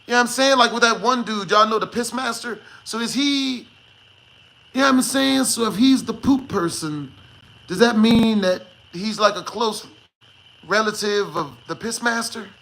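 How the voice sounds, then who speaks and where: A man's voice: high voice, normal speed, creaky, pushed and bright, a little hiss or hum, low-quality recording. A man live-streaming, chatting casually with his viewers in a joking, slangy way and swearing freely. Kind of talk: casual livestream chat with viewers.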